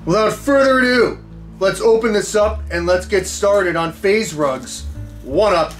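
An American man in his thirties hosting a food challenge to camera, talking casually and haltingly with mock-serious bravado. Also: high voice, faint music behind. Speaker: food challenge video host. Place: small indoor room full of memorabilia.

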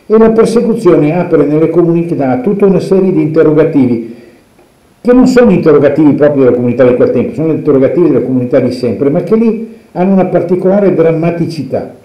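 A man reading the Gospel and preaching a homily in a measured, reflective way, pausing and restarting as he thinks. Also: fairly high pitch, expressive. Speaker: priest. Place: church. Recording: echoey, dull church recording.

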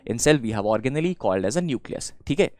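A man's voice: medium pitch, animated, racing, a little mellow. A young man with a North Indian accent giving a classroom lecture as a teacher, mixing Hindi and English, explaining with rhetorical questions and frequent check-ins. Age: young adult. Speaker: teacher at an exam coaching institute. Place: indoor studio in front of a presentation board.

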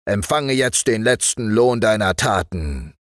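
A man's voice: fairly low pitch, lively intonation, unhurried, dry recording, voice pushed up. Man playing a cruel ship captain, stern, sneering, dry close recording.

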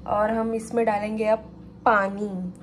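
A woman's voice: mid-range voice, little pitch movement, takes it slowly, a little hiss or hum, poor audio. A young woman chatting casually through a home cooking vlog, rambling and correcting herself as she goes. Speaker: cooking vlogger. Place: home kitchen.

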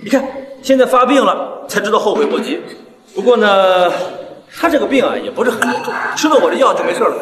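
A man's voice: sits high, very animated, quick pace, a bit bright. An actor playing a smug young male healer who talks down to others with teasing chuckles. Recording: echoey hall with background noise.

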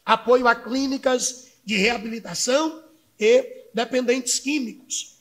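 A man in his thirties with a Minas Gerais Brazilian accent reads a formal speech from a podium microphone in a council chamber. His voice sits very high, and he speaks slowly, in a measured and solemn way. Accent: Brazilian Portuguese, Minas Gerais. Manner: measured, solemn, reading from notes. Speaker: church pastor giving a speech. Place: city council chamber, indoors.

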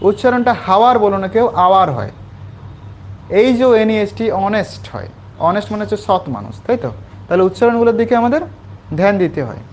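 Slight background noise accompanies a man from West Bengal, India, whose voice is high. Teaching English to school students in a small class, he goes through a textbook passage step by step, patiently repeating and asking quick questions to make sure they follow.

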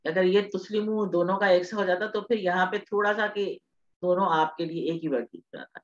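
Patient woman teacher, low voice, lo-fi call. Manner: patient, reassuring, mixes English terms. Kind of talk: online class teaching.

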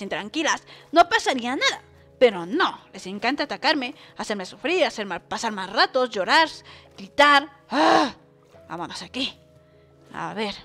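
A woman giving chatty let's-play commentary to her viewers, prone to sudden shrieks and squeals. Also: fairly high pitch. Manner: excitable, bursts into shrieks and squeals; chatty, talks to viewers as she plays. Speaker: gaming channel host.

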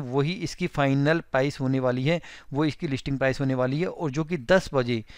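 Brief: Indian man, tutorial host, fairly high smooth voice, dry close mic, chatty step-by-step explainer. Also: dry recording. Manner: conversational, explains step by step, addresses viewers as friends. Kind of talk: screen-recorded explainer with annotations.

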